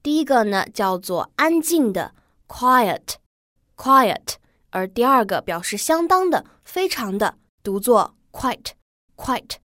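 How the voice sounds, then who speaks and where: A woman English teacher giving a pronunciation lesson, stretching out model words slowly. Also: fairly high pitch, sing-song, fairly bright tone, dry recording, clean studio sound. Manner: slow, drawn-out model pronunciations.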